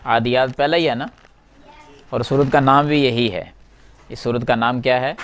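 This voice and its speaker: Clear-voiced man teaching from a whiteboard. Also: mid-range voice, steady tone, fairly bright tone. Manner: asks the class questions and answers them himself, repeating key words. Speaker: Quran teacher. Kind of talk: classroom explanation at a whiteboard.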